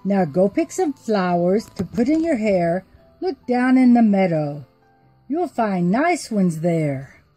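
A woman's voice: medium pitch, big pitch swings, takes it slowly, dark tone, faint music behind, poor audio. A woman voicing a fond, fretful old king in a storybook, in a fussing, fatherly way.

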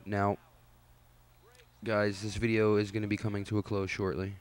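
A man's voice: fairly low pitch, level tone, normal speed, clear, resonant tone. A tired young man hosting his gaming channel, talking casually and rambling in a laid-back, self-deprecating way over gameplay.

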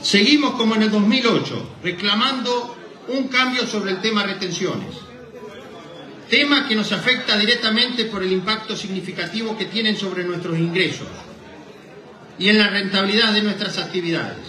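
A middle-aged man with a high, bright voice and an Argentine Spanish accent stands at a lectern, reading a formal speech from paper as president of a rural association. He keeps a moderate pace while some chatter goes on behind him. The indoor hall's PA echoes, and the boom-stand mic sits at a distance.

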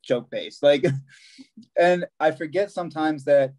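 A young man, a long-distance hiker, chats over a video call from a small room in a casual way. His voice sits on the high side and is slow and a little mellow, and he often restarts his sentences and laughs easily.

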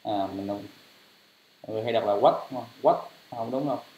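A man teaching English pronunciation, spelling words letter by letter and repeating them louder. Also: mid-range voice, fast. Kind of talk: pronunciation lesson. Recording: roomy, dull lo-fi sound.

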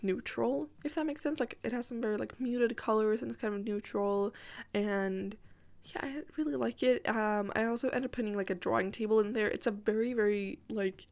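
A woman talks through a gaming video in a casual, rambling voiceover at a middling pitch. Her voice is strained and sore, cracking now and again, and she often breaks off into chatty asides. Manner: chatty, self-interrupting, apologetic asides.

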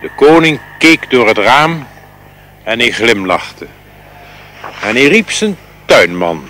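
A man reading a fairy tale aloud in a slow, expressive storytelling manner. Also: mid-range voice, slight background noise. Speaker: reader.

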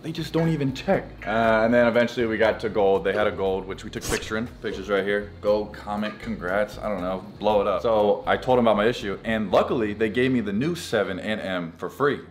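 A man's voice: lowish voice, brisk, hardly any pauses, a little hiss or hum. A man hosting a vlog, telling a rambling, exasperated story to camera. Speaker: vlog host.

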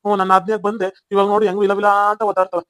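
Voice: mid-range voice, little pitch movement, very fast, fairly bright tone, dry recording, lightly acted. A performer with a North Karnataka Kannada accent voicing a smug, swaggering cheating husband in a cartoon comedy. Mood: scornful. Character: smug cheating husband, rich village man.

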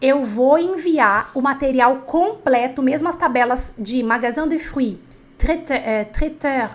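A woman teaching a live online lesson, chatty, asking the class questions and repeating words slowly. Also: sits high. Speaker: French teacher.

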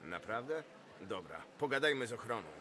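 A man's voice: mid-range voice, big pitch swings, a little fast, background noise, natural voice. A man voicing an anxious, gullible apartment resident in a dubbed video game. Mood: worried. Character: anxious, gullible male resident demanding to go upstairs.

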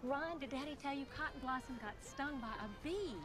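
A woman's voice: high-pitched, brisk, music in the background, close to an everyday voice. An actress playing a gracious, chatty young Southern woman in a film drama.

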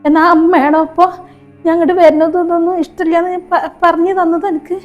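A woman's voice: very high voice, little pitch movement, fast, muffled recording, faint music behind. A woman playing a poor elderly widowed mother in a short skit, speaking in a Malappuram accent, hurt and pleading. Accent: Malappuram Malayalam. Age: older. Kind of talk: short-film skit acting.

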